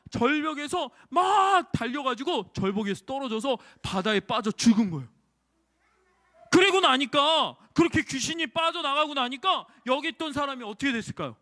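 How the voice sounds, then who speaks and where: Man, children's pastor, church, kids' sermon, high voice, animated, questions the kids.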